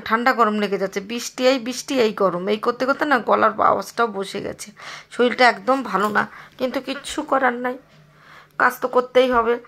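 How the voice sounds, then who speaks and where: A hoarse middle-aged woman from Bengal, chatting to her viewers in a rambling, complaining way while she does housework. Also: fairly high pitch, pushed and bright. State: hoarse from a cold. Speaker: vlogger. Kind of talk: casual chat to viewers while doing chores.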